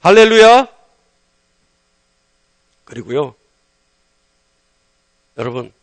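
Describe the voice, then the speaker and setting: A male pastor preaching a sermon with emphasis, firing rhetorical questions and swinging between loud and soft. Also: a little high, gravelly, no room sound.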